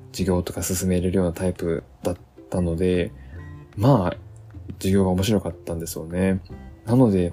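A man hosting a solo podcast, talking in a relaxed, reflective way with many fillers as he recalls his school days. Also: low voice. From Japan. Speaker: podcast host.

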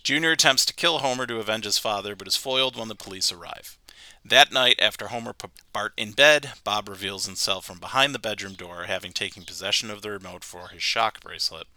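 A man's voice: on the low side, fairly quick, pushed and bright, dry recording. A man hosting a casual podcast chat, summarizing a cartoon episode at length and laughing often. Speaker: podcast host.

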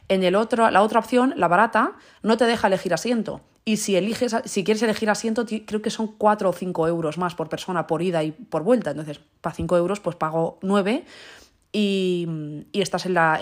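A young woman with a Spain Spanish accent hosting a podcast in a chatty, rambling way full of asides. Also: lowish voice. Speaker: podcast host. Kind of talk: casual podcast chat.

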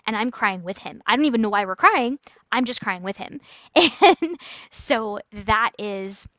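A woman's voice: mid-range voice, a bit bright, no room sound, muffled recording. A woman hosting her own podcast, talking casually in a rambling, chatty way and laughing often. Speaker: podcast host. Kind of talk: casual solo podcast monologue.

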